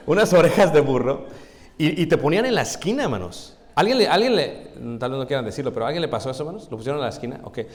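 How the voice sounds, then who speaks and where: A man from Mexico, preaching a conversational sermon and speaking directly to the congregation as his brothers, asking them questions. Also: a little high. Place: church sanctuary. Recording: long hall reverb in a church.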